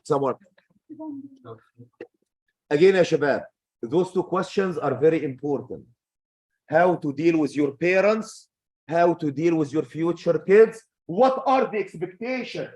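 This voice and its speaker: A man's voice: on the high side, animated, a little slow, long pauses, darkish tone. A man teaching a youth religious circle as sheikh, speaking directly and admonishingly and asking rhetorical questions.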